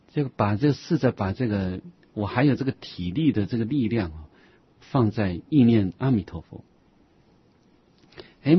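A man giving an explanatory Buddhist lecture, repeating key phrases slowly and dropping soft asides between points. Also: on the low side, husky, no echo. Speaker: Buddhist dharma teacher. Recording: dull lo-fi recording.

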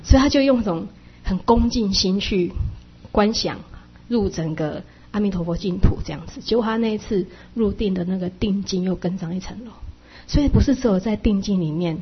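A woman with a husky, breathy voice explains Buddhist teachings in a chatty sermon, softening her sentences with little particles. The recording sounds dull and lo-fi. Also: mid-range voice, a little fast. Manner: chatty, with frequent soft sentence-final particles.

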